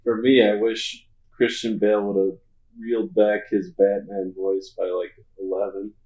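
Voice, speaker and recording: A man's voice: fairly low pitch, level tone, moderate pace, dull audio. A man co-hosting a casual game podcast, easygoing and amused. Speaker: podcast co-host. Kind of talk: casual chat. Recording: echoey room.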